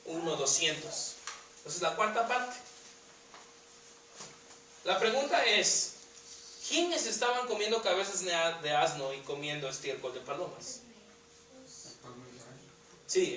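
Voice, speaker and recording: A man's voice: high voice, pushed and bright, distant mic, a little hiss or hum. A man preaching a sermon in a church, emphatic, sometimes dropping to a near whisper on key words. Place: church hall. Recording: echoey church room from off-mic.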